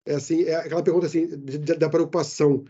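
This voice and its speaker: Animated Brazilian man telling anecdotes. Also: fairly high pitch, quick pace, slightly rough. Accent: Brazilian Portuguese. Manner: animated storyteller, many restarts and fillers. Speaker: guest. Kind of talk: casual interview chat. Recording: dull lo-fi remote podcast audio.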